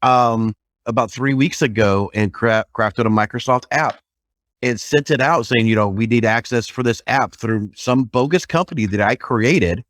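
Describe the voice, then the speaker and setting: A man's voice: medium pitch, moderate pace, no room sound, clean studio sound. A man co-hosting a casual podcast conversation. He tells stories animatedly and swears mildly. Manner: animated storytelling, mild swearing.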